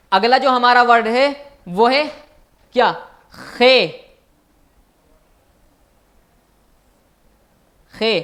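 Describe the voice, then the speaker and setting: In this recorded online lecture, a language teacher speaks with an extremely high pitch and a fairly bright tone. He goes over every point patiently more than once and asks his viewers questions.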